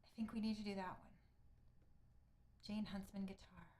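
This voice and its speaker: Woman streamer, middle-aged, casual rambling chat with viewers, mid-pitched. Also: fairly even intonation, moderate pace, warm tone, slight background noise. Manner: chatty and rambling, thanking viewers, trailing off. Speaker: streamer ending a live music stream.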